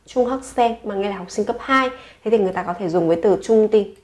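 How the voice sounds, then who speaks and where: A woman's voice: medium pitch, fast, a little mellow. A woman teaching Korean slang to learners in the second person, saying each word several times before explaining it. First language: Vietnamese.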